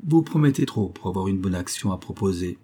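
A man's voice: deep voice, animated, a little fast, dark tone, breathy edge. A man voicing a young male abbé and painter who talks in a joking, proud way in an audiobook. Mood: wary. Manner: bantering, proud. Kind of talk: audiobook character voice.

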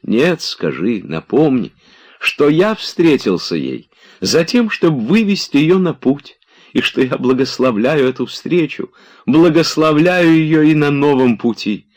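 A man voicing a dreamy, gentle gentleman who speaks with earnest, halting emotion. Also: on the high side, sing-song, voice pushed up. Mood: emotional.

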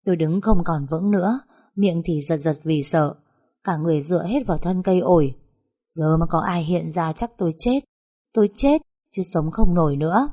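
A woman narrates a story in the first person, with a low-pitched, mellow voice. She recounts it in a tense, breathless way. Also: normal speed, breathy edge.

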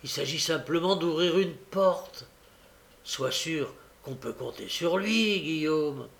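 A bold young woman of the streets, cool and defiant, as a man reading an audiobook puts her on. Her lines come pitched up and loud, slow, with a gravelly edge under them. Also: lively intonation, heavily acted. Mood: persuasive.

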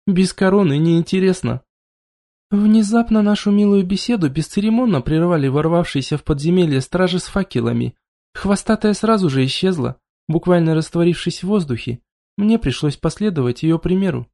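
A man reading an audiobook, narrating a first-person fantasy story in an even, measured way. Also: high-pitched. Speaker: audiobook reader.

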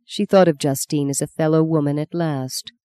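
A woman narrating a novel in a calm, even reading voice. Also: low-pitched, normal speed, smooth, no room sound. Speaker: audiobook narrator. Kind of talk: scripted narration.

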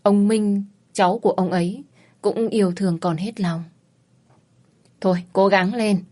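A woman voicing a kindly elderly grandfather who gently reassures his granddaughter in an audio story. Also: medium pitch, steady tone, natural voice. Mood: soothing. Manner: slow, soothing advice.

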